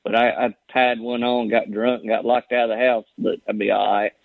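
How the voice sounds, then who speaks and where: A man's voice: medium pitch, little pitch movement, fairly quick, vocal fry, no echo. A man with a Southern Appalachian accent chatting casually as a phone-in caller in a folksy, drawling, storytelling way. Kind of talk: casual chat. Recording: dull, band-limited phone call.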